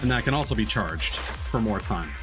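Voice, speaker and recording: Somewhat low-voiced and speaking at a normal speed with lively intonation, a man streams a video game live. He talks through it casually, explaining things and thinking aloud, while game music plays.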